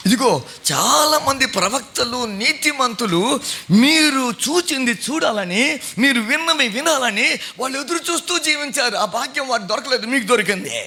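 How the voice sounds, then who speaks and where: This middle-aged man, a pastor and principal of a Bible college, addresses his congregation with conversational questions during a sermon. He speaks at a moderate pace in a very high, animated voice with a sharp tone.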